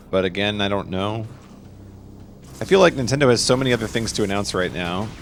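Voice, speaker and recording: A man's voice: fairly low pitch, creaky, a bit bright, slight background noise. A man casually chatting with his viewers and answering their questions while he plays a game on a live stream. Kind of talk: live gameplay stream commentary.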